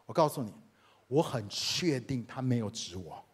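Husky man preaching in Taiwanese Mandarin. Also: mid-range voice, normal speed. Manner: animated, addresses the congregation directly. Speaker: pastor. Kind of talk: sermon with personal storytelling.

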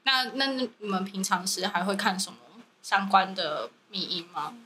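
A woman's voice: medium pitch, animated, normal speed, pushed and bright. A giggly woman with a Taiwanese Mandarin accent chatting casually as a podcast host. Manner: giggly, laughs often while talking. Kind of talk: casual group chat. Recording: clear background noise.

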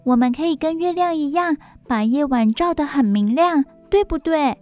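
Lady doing a eager little boy firefly in a bedtime story, high and excited, bit rushed, faint music. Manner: high, excited, quick childlike voice.

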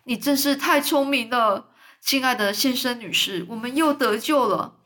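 A woman voicing a kindly, wise old male grasshopper in a storybook reading, speaking calmly and soothingly. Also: lowish voice, normal speed, voice pushed down. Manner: calm, soothing, fatherly.

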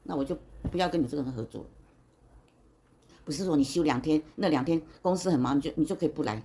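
A woman's voice: sits low, quick pace, dark tone, a little hiss or hum. A woman in her sixties in a casual interview, telling a long story in a talkative, indignant way, quoting what people said and often restarting her sentences. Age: 60s.

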